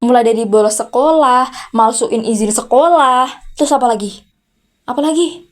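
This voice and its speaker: In a lightly acted ASMR role-play, a VTuber creator with a voice on the high side and normal speed plays an unmarried rich aunt who heads a company. Furious and sarcastic, she berates her teenage nephew with repeated sharp "hah?" challenges.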